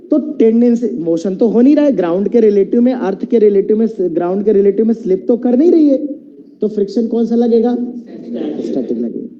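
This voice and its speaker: Male physics teacher, classroom lecture, swooping animated pitch, dull lo-fi sound. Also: slight background noise. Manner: quizzes the class, calls students "children"; slows right down to dictate definitions.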